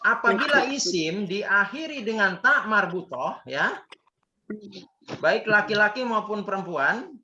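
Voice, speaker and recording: A high-pitched, expressive Islamic teacher speaks a little slowly while teaching Arabic grammar, having students repeat words back and answer his questions. The recording sounds echoey, dull and lo-fi, with faint noise.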